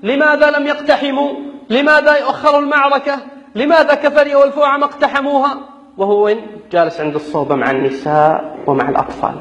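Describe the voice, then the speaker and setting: A man's voice: very high-pitched, fairly even intonation, quick pace, a bit bright, lo-fi sound. A young man preaching a fiery sermon, impassioned and exhorting, with rhetorical questions and recited scripture. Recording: echoey, long reverb.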